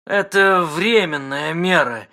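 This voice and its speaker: A man voicing a calm, slow, official recorded information voice. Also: on the high side, exaggerated voice. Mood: detached.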